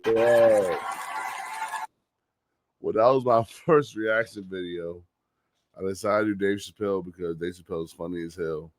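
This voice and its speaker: A man's voice: sits low, no echo, rough recording. A man hosting a reaction video, making short exclamations and talking casually about what he watched. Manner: short exclamations, slow speech.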